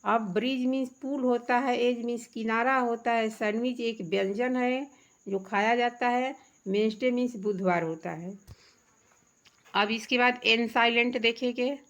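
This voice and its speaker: A woman's voice: on the high side, steady tone, unhurried, fairly bright tone, muffled recording. A woman teacher, patiently explaining a workbook lesson to children, asking questions and answering them herself.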